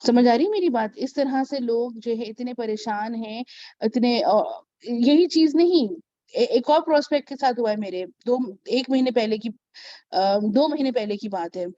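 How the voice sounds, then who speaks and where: Chatty woman with a mellow, higher voice. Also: normal speed, dry recording. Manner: chatty, keeps checking in with the listener; re-enacts the people in her stories. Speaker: network marketing mentor. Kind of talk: casual advice vlog with storytelling. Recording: dull, lo-fi sound.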